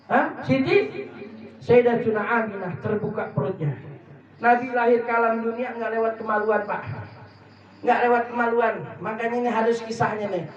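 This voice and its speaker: A man with a Betawi Jakarta accent preaching a comic storytelling sermon, acting out characters in folksy slang. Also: very high voice. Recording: echoey, distant, dull hall sound.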